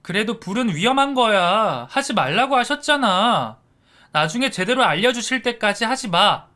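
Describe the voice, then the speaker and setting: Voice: medium pitch, expressive, moderate pace, sharp tone, pitched above the performer's own voice. A man voicing a prim, well-behaved girl scolding her younger brother in a narrated story. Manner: scolding, bossy.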